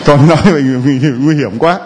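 Jovial priest preaching with faint hiss. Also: male voice, on the high side. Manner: teasing, jovial, slow chant-like prayer phrases. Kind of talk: sermon with audience banter.

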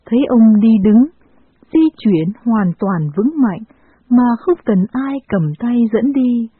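Slightly high husky woman reading scripture. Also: dry recording. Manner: earnest, even reading. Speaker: scripture reader. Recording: dry, tinny phone-like sound.

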